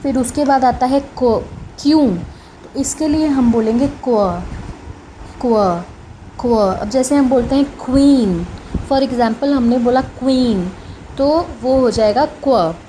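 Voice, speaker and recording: Slow-paced woman teaching phonics. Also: sits high, mellow, slight background noise, poor audio. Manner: slow, repeats each sound several times. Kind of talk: casual spoken lesson.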